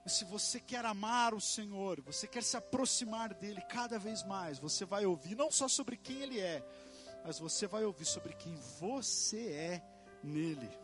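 A man's voice: high voice, normal speed, music in the background. A man preaching a sermon, emphatic and rhythmic, repeating phrases and calling out amen to the congregation.

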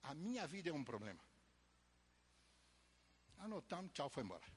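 A man preaching a testimony sermon, telling a story in an animated way, swinging from soft asides to loud emphasis, with a husky voice. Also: a little high, moderate pace. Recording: long hall reverb.

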